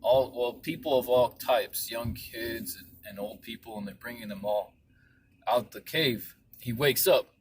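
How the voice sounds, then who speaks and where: A man's voice: medium pitch, measured pace. A man casually and loosely retelling a story idea he is working on, filling his talk with "you know what I mean". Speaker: writer pitching a story idea. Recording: loud vehicle noise behind the voice.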